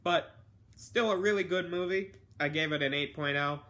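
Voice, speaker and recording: A man's voice: fairly high pitch, normal speed, pushed and bright. A young man casually reviewing films one after another, rambling and offhand, with many fillers and self-corrections. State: has hiccups. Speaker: film reviewer.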